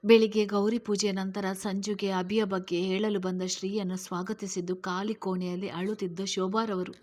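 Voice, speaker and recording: A woman narrating a serialized story in a steady, measured reading voice. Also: medium pitch.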